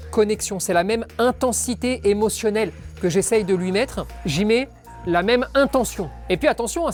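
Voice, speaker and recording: A man working as a dog trainer, coaxing and praising a dog and explaining his method, outdoors at a training ground. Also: high voice.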